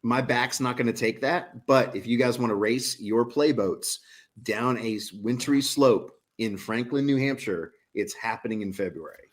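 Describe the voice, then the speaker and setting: A man's voice: medium pitch, moderate pace. A man in his forties, a guest on a casual podcast chat, talking with eager, promotional enthusiasm. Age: 40s.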